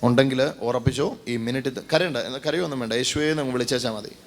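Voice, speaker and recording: A man's voice: mid-range voice, very fast, slight background noise. A man preaching a sermon and praying for healing before a congregation, fervent and emphatic, with a lot of repetition. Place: church gathering.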